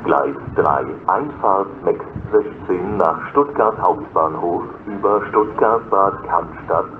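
Echoey low-pitched man, flat platform announcement. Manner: flat, measured, formulaic delivery. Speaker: railway station announcer. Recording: echoey, muffled lo-fi station loudspeaker, noisy.

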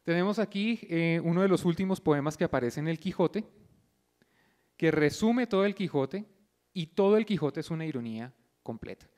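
A man giving an explanatory lecture before a concert, often pausing to check his listeners follow him. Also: a little high, expressive, a little mellow. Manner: didactic, checks in often with a questioning "yes?"; thinks aloud with fillers and restarts. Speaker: lecturer at a pre-concert talk.

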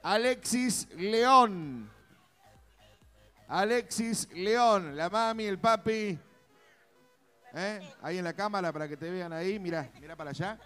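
Male Argentine festival co-host, high-pitched, relaxed pace, jokey crowd banter. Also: takes it slowly, pauses often, smooth, faint music behind. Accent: Argentine Spanish. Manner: playful, teasing, chatty. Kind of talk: joking live stage banter. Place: outdoor festival stage.

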